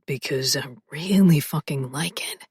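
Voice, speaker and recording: A woman narrator voicing a confident, teasing adult male lover in a low, murmuring, half-whispered voice for an audiobook. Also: unhurried, a little mellow, breathy edge, no echo, clean studio sound, heavily acted. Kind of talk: audiobook character voice.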